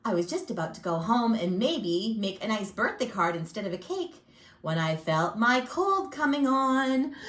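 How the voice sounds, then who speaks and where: A woman's voice: a little high, very animated, moderate pace, a bit bright. A woman voicing a chatty, self-pitying male wolf who tells his own side of a storybook tale with folksy, theatrical flair. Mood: sly, aggrieved. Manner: folksy, sly, theatrical sneezes. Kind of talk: storybook read-aloud. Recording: echoey room.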